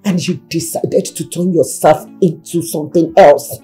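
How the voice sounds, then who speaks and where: Worn-out nigerian mom, lowish voice, curt comebacks, music behind. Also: female voice, steady tone, measured pace, warm tone. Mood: weary. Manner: tired, curt retorts. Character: weary mother arguing back at her husband. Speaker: mother.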